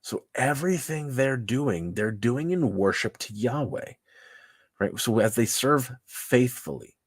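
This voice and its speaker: A man's voice: mid-range voice, expressive, unhurried, slightly rough, no echo. A man leading a casual Bible study livestream, chatty and loose, often laughing and tossing in "like" and "right?". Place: church livestream.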